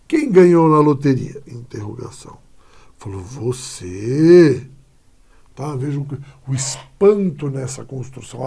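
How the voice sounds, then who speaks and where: A man's voice: fairly high pitch, creaky, mellow, husky. A male Brazilian Portuguese teacher explaining punctuation in a classroom lesson, often checking in with short tags as he points to examples.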